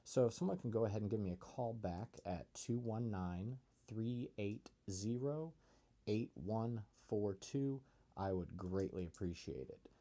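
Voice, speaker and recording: A man leaving a voicemail, hesitant with many ums, reading numbers out slowly over the telephone. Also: on the low side, warm tone. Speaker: caller.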